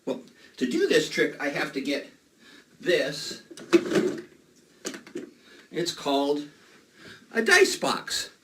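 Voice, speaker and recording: Male kids party magician, higher-voiced, playful and exclamatory patter for children, noisy distant recording. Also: wildly swooping pitch, slow, pauses often, pushed and bright.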